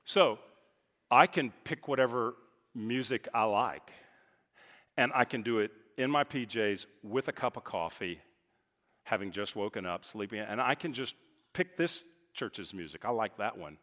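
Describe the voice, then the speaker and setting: A man from Texas preaching a sermon as pastor, talking with emphatic swings from loud, high points to quiet, low asides. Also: animated, unhurried. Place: church sanctuary. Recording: reverberant church hall.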